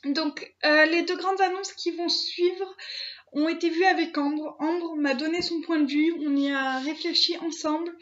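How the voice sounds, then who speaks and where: High-voiced young French woman vlogging. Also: fairly even intonation, measured pace, fairly bright tone, highs cut off. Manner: hesitant, many fillers and restarts. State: emotional, near tears. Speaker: channel host. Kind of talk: casual vlog talk to camera.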